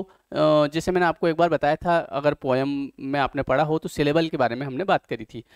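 A man teaches an exam-prep lesson in a slightly raised, lively register, recorded close in a dead, dry room. He walks through the material step by step, keeps asking questions and answering them himself. English passages come out slowly and carefully between his explanations. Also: a little high, no room sound.

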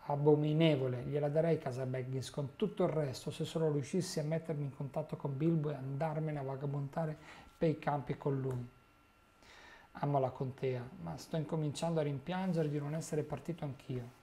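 A man's voice: a little high, fairly even intonation, normal speed, warm tone, slight background noise, close to an everyday voice. A man reading as a young male hobbit who asks bewildered, worried questions. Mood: puzzled.

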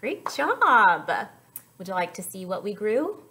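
A young woman runs a children's story time, reading and chatting with little ones in a mid-range voice at a slightly slow pace. She's animated and sing-song, prompting her listeners with questions.

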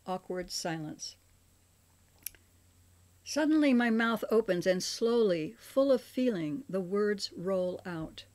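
An older woman, the author, reading her memoir aloud as an audiobook in a measured, expressive way. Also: mid-range voice.

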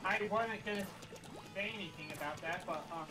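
A man chatting casually while gaming, making calm, low-key remarks. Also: normal speed, faint music behind. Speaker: co-player. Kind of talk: casual gameplay chat.

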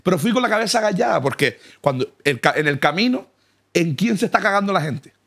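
A comic man spins mock-humble brag stories in a gravelly, fairly high voice. His pitch leaps and swoops as he talks, and he keeps breaking into laughter. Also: expressive, fairly quick, a bit bright, slight background noise. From Canary Islands. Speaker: comedian guest. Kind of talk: comic storytelling in casual chat. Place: car.

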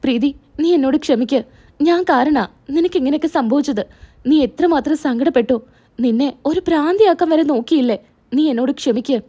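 A woman's voice: high voice, fairly quick, warm tone, lightly acted. A woman voicing a remorseful young husband who pleads with his wife and protects her. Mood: pleading.

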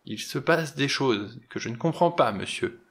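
A man's voice: medium pitch, expressive, normal speed, a bit bright. A man voicing a deferential, shaken elderly butler who pleads anxiously in an audiobook. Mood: anxious pleading.

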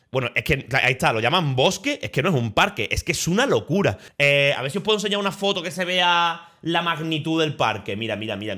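A young man with a Spain Spanish accent tells a story on his stream in a lively, swear-heavy way. He talks very quickly, and his voice has a bright, forward edge. The mood is loose, casual chat. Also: mid-range voice. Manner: animated, swearing, laughing storyteller.

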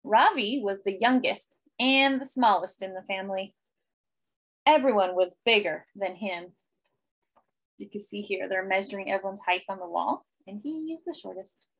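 A woman in her thirties with a mid-range voice reads a children's picture book aloud in a small indoor room. She reads expressively, with deliberate, simple phrasing and emphasis.

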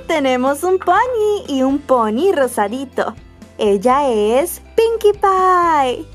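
A woman hosting a children's toy video, teaching colors to young kids in a sing-song voice with exaggerated wonder. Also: sits high. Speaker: children's toy channel host.

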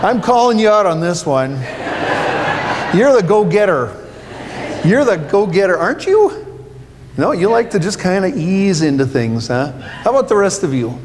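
A man's voice: high-pitched, big pitch swings, normal speed, a little mellow. A man pastor giving a children's sermon, playful and full of questions for the kids. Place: church sanctuary. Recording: echoey church hall, faint hum.

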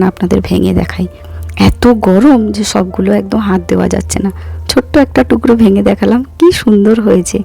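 A woman in her thirties, hoarse from a cough, chatting casually as a vlogger and walking viewers through each step. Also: fairly high pitch, dark tone. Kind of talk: casual vlog narration.

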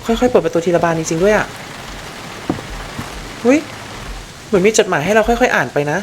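A young woman streaming a horror game live, talking to her viewers in a chatty, excitable way, swearing freely and squealing at the scares. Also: mid-range voice, a little fast, background noise.

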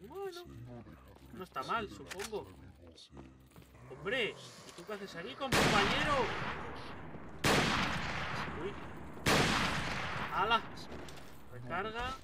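A man with a Spain Spanish accent giving excitable let's play commentary, swearing a lot and talking back to the game. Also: high-pitched, drawn-out words, long pauses, far from the mic, very noisy. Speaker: gaming YouTuber. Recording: game gunfire loud behind the voice. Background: loud game gunfire and ambience.

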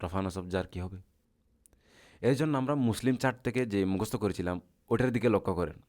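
A man's voice: fairly low pitch, brisk, a little mellow. A man, teaching Arabic grammar. He keeps asking his students questions, then answers them himself, and goes over each point again patiently. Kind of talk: classroom lecture.

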